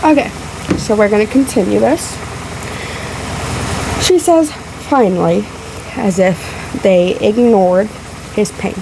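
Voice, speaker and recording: Sick, breathy, creaky-voiced woman over fan noise. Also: medium pitch. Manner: emphatic, halting, emotional. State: sick, emotional, a little out of breath. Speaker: vlogger responding to a video. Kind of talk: casual rebuttal vlog to camera. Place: room in a house. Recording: loud fan noise in room. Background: fan running in the background.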